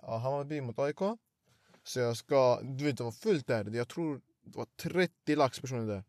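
A young man, telling an animated story in casual slangy chat and acting out the quotes. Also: medium pitch, no room sound, studio quality.

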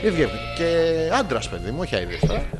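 A man's voice: medium pitch, huge pitch swings, over music. A man co-hosting a podcast, telling stories and trading crude, teasing jokes in casual banter. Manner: joking, crude and teasing, rambling. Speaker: podcast co-host.

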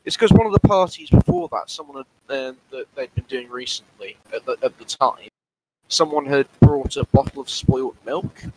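A man's voice: medium pitch, big pitch swings, normal speed, darkish tone, slight background noise, rough recording. Hesitant rambling man on a podcast. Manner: hesitant, rambling with many restarts and ums. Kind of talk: casual podcast chat.

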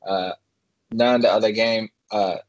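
A man with a fairly low voice co-hosts a sports podcast, talking in an easygoing way with a touch of dry sarcasm. The sound is dry and dull, like a lo-fi home recording. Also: steady tone, unhurried, dry recording. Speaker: podcast co-host. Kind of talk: casual sports betting talk.

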